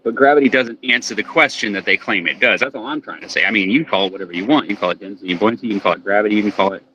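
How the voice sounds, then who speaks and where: A man's voice: lowish voice, racing, pushed and bright. A man on a call-in sounding like he talks over an old telephone, arguing his point in a casual group debate with pointed rhetorical questions. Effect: sounds like talking over an old telephone. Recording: muffled lo-fi line with faint noise.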